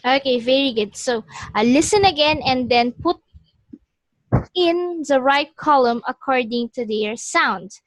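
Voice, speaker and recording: A woman's voice: sits high, animated, a little slow, no echo, rough recording. A woman teaching a one-on-one pronunciation lesson, instructing and repeating words and phrases for the learner. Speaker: English teacher.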